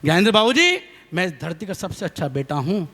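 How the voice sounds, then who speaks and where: A young male comedy poet performs on a live stage with a high, animated voice that swings all over. His tone is bright and forceful. Long hall reverb trails each line. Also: fast talker. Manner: lively storytelling, calls on the audience to clap, acts out voices. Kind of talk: live comic poetry recital.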